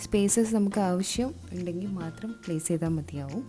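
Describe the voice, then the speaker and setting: A woman with a Malayali accent presents a product installation tutorial, demonstrating hands-on, step by step, in a conversational style that mixes in English terms. Her voice is lowish and fairly quick, with clearly audible music playing behind her.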